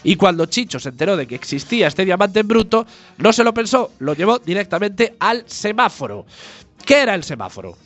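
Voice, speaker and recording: A man with a high, light voice hosts a podcast, reading his script with mock-grandiose flair. His tone stays ironic throughout. He is from Galicia. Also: sing-song, a little fast, fairly bright tone, lo-fi sound. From A Coruña, Galicia, Spain. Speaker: podcast host. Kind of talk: scripted podcast narration and banter.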